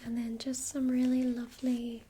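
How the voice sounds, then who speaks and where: A woman playing a helpful librarian in an ASMR role-play, speaking in a soft, breathy, gentle library soft voice. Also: fairly high pitch, completely flat delivery, moderate pace, slight background noise, lightly acted. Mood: gentle, hushed. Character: helpful female librarian recommending books. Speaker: ASMR performer.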